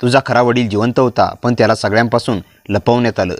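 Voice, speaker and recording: A man's voice: mid-range voice, steady tone, quick pace, no room sound, close to an everyday voice. A man reading as a protective aunt. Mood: hushed, urgent. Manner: hushed, urgent. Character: protective aunt, middle-aged woman, secretive.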